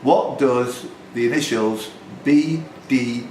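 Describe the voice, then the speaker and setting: In a roomy, faintly noisy live recording from a tavern quiz room, a man with a medium-pitched, darkish voice takes things slowly. He's the quiz host, reading questions aloud and adding chatty, teasing, jokey asides.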